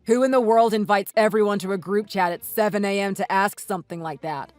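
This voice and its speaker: A man voicing an indignant, reproachful brother-in-law in a text story, over soft music. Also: high voice, steady tone, fairly quick, no echo, lightly acted. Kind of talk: read-aloud text-message story. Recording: dry voice with soft music underneath.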